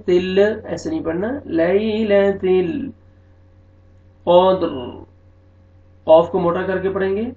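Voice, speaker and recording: Teaching tajweed, a man with a high, slightly mellow voice slowly draws out recited words, then explains the pronunciation rules more plainly. The recording sounds echoey, distant, and dull.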